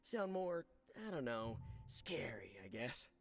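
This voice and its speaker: A man's voice: medium pitch, sing-song, takes it slowly. A man voicing a young, eager superhero who talks in a jokey, self-deprecating way. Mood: friendly, eager. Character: young, eager, chatty wisecracking male superhero.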